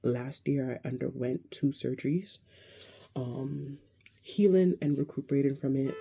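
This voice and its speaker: A woman in her thirties talking to camera in a casual, reflective vlog, hesitant and searching, with many pauses and restarts. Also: very deep voice, vocal fry, warm tone, breathy edge. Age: 30s. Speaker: vlogger.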